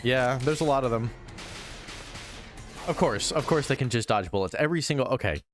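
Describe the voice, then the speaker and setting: A man's voice: medium pitch, lively intonation, a little fast, soft background music. A man giving casual, sweary reaction commentary as a streamer, with incredulous asides.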